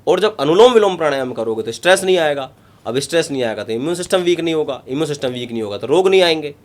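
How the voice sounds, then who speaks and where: An emphatic yoga guru, a man, explaining breathing practice in an interview. His voice sits a little high for a man. He repeats key points and lays them out step by step. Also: expressive, racing. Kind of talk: instructive interview talk.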